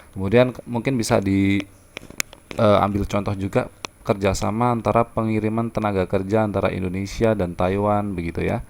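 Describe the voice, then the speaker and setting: A male teacher with a very low, gravelly voice lectures a class. He explains step by step, repeating key terms and pausing with fillers, in a patient classroom manner. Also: darkish tone, slight background noise.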